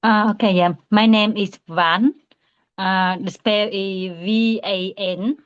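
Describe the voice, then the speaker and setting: Woman in her 30s, slow and halting english, lots of restarts, smooth voice. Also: mid-range voice, steady tone, dull audio. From Vietnam. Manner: hesitant, halting, restarts often. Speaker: student. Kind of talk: English speaking practice.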